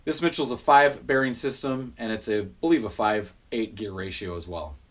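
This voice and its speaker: A man in his thirties, host of a fishing channel, talks casually to the camera about his gear. He is easygoing and fills his talk with ums and quick self-corrections, and he is recorded by a camera a few feet away in a small room at home. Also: on the low side. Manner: relaxed, many fillers and self-corrections.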